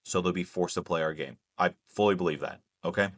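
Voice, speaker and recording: Low-voiced man ranting about games. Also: a little fast, no room sound, clean studio sound. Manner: heated, profane, repeats "okay?". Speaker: gaming YouTuber. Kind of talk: ranting commentary to camera.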